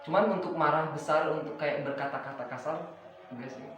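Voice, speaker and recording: A man's voice: a little high, fairly even intonation, brisk, over music. A young man, chatting casually and hesitantly with many fillers in a question game among friends. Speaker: participant reading questions. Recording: echoey room, far from mic, faint ambience.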